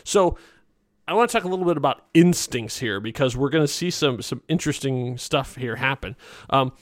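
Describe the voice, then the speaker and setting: A man co-hosting a podcast, chatting casually about a movie, animated and quick to laugh, with lots of restarts. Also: medium pitch, dry recording, clean studio sound. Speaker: podcast co-host. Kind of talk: casual film-discussion chat.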